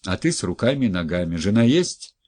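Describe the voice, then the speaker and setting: A man's voice: lowish voice, very animated, fairly quick, darkish tone, slightly rough, no room sound, studio quality. A man voicing a plain-spoken working man who gives blunt, folksy reassurance. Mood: reassuring.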